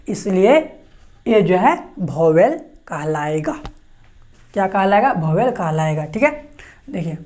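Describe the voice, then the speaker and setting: Woman teacher drilling a grammar lesson. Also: mid-range voice. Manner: repetitive, asks and answers her own questions. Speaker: English teacher. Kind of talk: classroom lesson explaining grammar. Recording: dull lo-fi sound.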